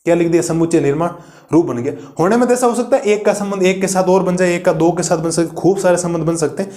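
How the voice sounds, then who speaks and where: A male maths teacher gives a recorded lesson to his students. His voice sits a bit high but sounds mellow and soft. He works through each step and keeps putting questions to the class, reassuring them as he goes. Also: fast talker. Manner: explains step by step, asks the class rhetorical questions; reassuring and encouraging. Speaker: math teacher. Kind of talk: classroom lecture video.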